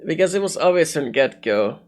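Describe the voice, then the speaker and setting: A man's voice: fairly high pitch, lively intonation, brisk. Man thinking aloud over game music. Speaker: video game player commentator. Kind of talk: casual game commentary.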